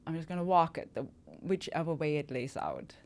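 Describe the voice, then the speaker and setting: A German woman in her fifties, a model, speaks as a podcast guest in casual interview talk, reflective and hesitant with many fillers. Her voice is deep with lively intonation and a fairly quick pace.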